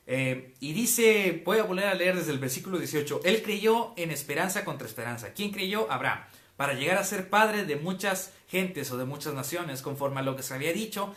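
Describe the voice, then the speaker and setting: Preacher, casual Bible teaching. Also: male voice, a little high, fairly bright tone. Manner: casual, checks in with listeners with frequent "ok?". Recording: roomy echo.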